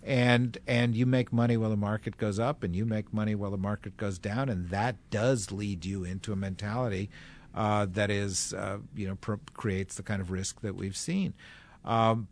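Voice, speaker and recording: A male author being interviewed on a radio talk show, talking forcefully and building to emphatic points. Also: fairly low pitch, moderate pace, vocal fry. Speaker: guest author.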